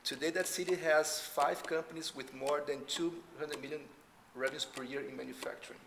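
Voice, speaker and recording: A middle-aged man from southern Brazil, a native Portuguese speaker with a Brazilian accent, tells stories in an informal panel discussion. His voice is a little high, gravelly and fairly bright, fairly quick with fairly even intonation, heard with roomy echo and faint background noise.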